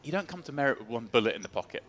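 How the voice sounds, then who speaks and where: A man's voice: mid-range voice, expressive, very fast, a bit bright. A man doing live poker tournament commentary, narrating the action in short dramatic phrases over music.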